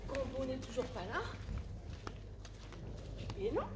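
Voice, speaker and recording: An actress playing a timid, naive medieval wife in a farce, with a hesitant, exclamatory manner. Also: female voice, sits high, sing-song, slow, roomy sound, very noisy, heavily acted. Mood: tempted, savouring. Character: timid, obedient medieval wife with a greedy streak. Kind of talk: open-air farce acting.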